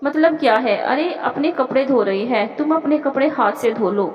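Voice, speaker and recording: A woman's voice: sits high, lively intonation, normal speed, long reverb tail, muffled recording. A woman voicing a resentful, plotting young daughter-in-law who talks in a sulky, defiant way.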